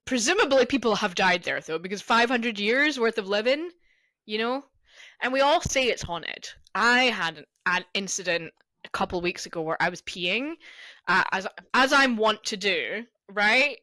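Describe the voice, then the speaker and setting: A woman's voice: mid-range voice, lively intonation, moderate pace, bright, forceful tone, dry recording. A young adult woman co-hosting a casual podcast chat. She tells stories and swears freely. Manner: chatty storyteller, swears freely. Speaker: podcast co-host.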